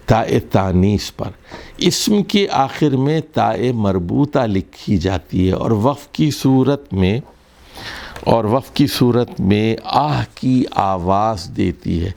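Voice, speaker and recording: A man with a Pakistani Urdu accent teaches a grammar lesson in a low, gravelly voice. His tone is mellow and dark. He explains patiently and circles back over each word, with frequent fillers and restarts. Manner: explains slowly, repeats words, many restarts and fillers. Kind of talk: recorded lesson.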